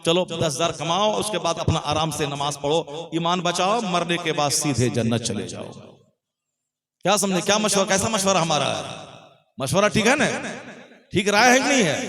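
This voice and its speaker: Preacher at a gathering, crowd audible. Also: male voice, fairly high pitch. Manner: rhetorical questions to the crowd, repetitive emphatic lists. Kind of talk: sermon at a public gathering. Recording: live crowd audible behind the voice.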